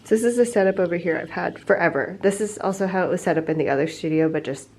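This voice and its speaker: A woman's voice: on the low side, fast, darkish tone, roomy sound, poor audio. A woman vlogging from her pottery studio, casually thinking aloud with lots of fillers. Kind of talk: casual vlog narration.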